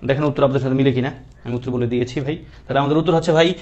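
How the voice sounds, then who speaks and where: A man's voice: medium pitch, steady tone, rapid-fire, darkish tone, dull audio. A man teaching English grammar in an online exam-prep class, explaining patiently and checking in with his students.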